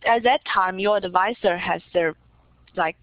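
A woman's voice: lowish voice, measured pace, no echo. Young Chinese-accented woman, dull recording. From China. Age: young adult. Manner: hesitant, searching for words in non-native English. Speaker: interviewee, visiting scholar. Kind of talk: interview answers.

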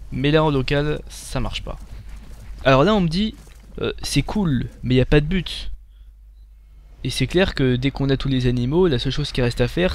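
A young man with a French accent giving casual, animated commentary while playing and reviewing a game, taunting enemies and swearing. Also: medium pitch.

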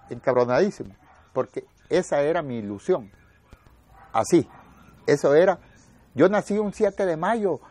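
A man in his sixties with a Salvadoran accent, an army veteran telling his story lively and acting out the voices of others. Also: medium pitch. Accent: Salvadoran Spanish. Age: 60s. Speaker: war veteran interviewee. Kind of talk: spoken war memoir.

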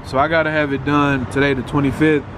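A man's voice: a little high, flat delivery, fast talker. A man in his thirties, a truck driver vlogging casually to a phone camera at arm's length, rambling and thinking aloud. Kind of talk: casual vlog talk to camera. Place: truck cab and outdoors at a warehouse. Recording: loud road and vehicle noise.

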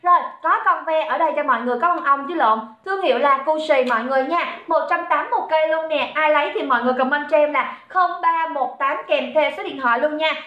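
A woman's voice: sits high, fast talker, few pauses, roomy sound, muffled recording. A woman running a live-stream sale, chatty and calling out viewers by name. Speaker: livestream seller. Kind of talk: live-stream sales chat.

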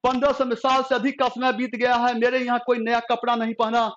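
A man's voice: very high voice, flat delivery, a little fast, fairly bright tone, highs cut off, voice pushed up. A man voicing an impassioned pleading queen. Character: pleading poor Mughal queen, woman.

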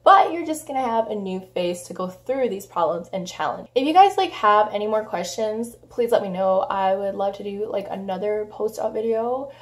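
A young woman talks straight to her camera at home, blunt and chatty, with plenty of swearing and "like" fillers. She is getting over a cold, so her voice has a hoarse, smoky edge, while her pitch sits in an ordinary middle range. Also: expressive, moderate pace, few pauses. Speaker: vlogger. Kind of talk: casual vlog talk to camera.

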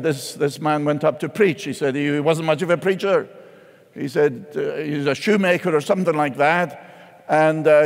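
A man pastor preaching a sermon with passion, repeating key phrases. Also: a little high. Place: large church sanctuary. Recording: long church reverb.

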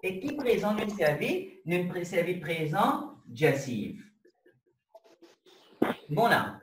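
A man from Mauritius, an Arabic teacher, leads an online class lecture slowly, explaining step by step and repeatedly checking that students follow. His sing-song voice rises and falls a great deal. The room is echoey, and he sounds distant with faint hiss in the background.

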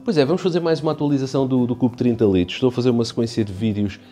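A Portuguese man with a European Portuguese accent, an aquarium hobby YouTuber, talks very fast in a mellow, medium-pitched voice over soft background music. He casually narrates an update of his home aquarium, rambling a bit with many restarts and fillers.

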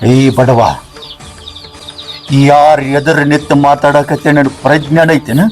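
A man's voice: a little high, little pitch movement, slow pace, faint music behind. A man playing a commanding village landlord. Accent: North Karnataka Kannada. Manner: commanding, scolding. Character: rich proud village landlord, later remorseful. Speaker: lead actor. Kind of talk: village skit acting.

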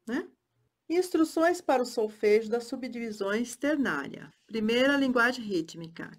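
A woman teaching music theory, speaking clearly and chanting rhythm syllables. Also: a little high. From Brazil.

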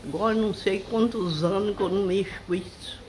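A woman in her nineties with a rural Brazilian accent, chatting casually in an animated, exclaiming way. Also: medium pitch, a little fast. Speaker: elderly villager being visited. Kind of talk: casual chat. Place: open porch and kitchen of a rural house. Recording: noisy handheld outdoor recording.

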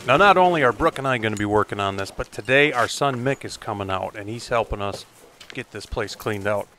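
Out in a pine forest, a middle-aged man narrates a casual vlog, easygoing, wry and matter-of-fact. His voice sits on the low side, a little fast, pushed and bright, with slight background noise.

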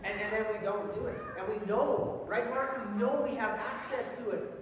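A man's voice: high voice, moderate pace. A middle-aged man giving a folksy, self-deprecating sermon, repeating words as he goes, from a church hall. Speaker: lay preacher. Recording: echoey hall, voice from far off, noisy.

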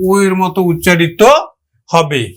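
Guy teaching grammar, high voice, goes slow and spells out each word by syllable. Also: fairly even intonation. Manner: repeats example words and sounds them out syllable by syllable; addresses students directly with questions. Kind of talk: grammar lesson on pronunciation.

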